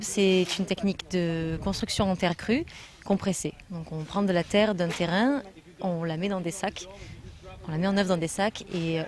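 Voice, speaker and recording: A French woman who trains people with a building foundation answers interview questions earnestly, explaining things with frequent hesitations. Her voice is mid-range with a darkish tone.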